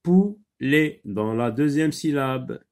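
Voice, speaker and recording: Man, phonics teacher, very slow, patient, many pauses. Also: mid-range voice, darkish tone. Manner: switches between French and Arabic explanations. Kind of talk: phonics lesson.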